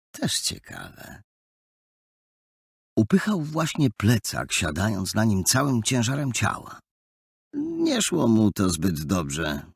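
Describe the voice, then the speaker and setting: A man narrating an audiobook in a lively, expressive storytelling manner, close to the mic. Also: sits low, creaky, breathy edge, no room sound. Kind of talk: scripted narration.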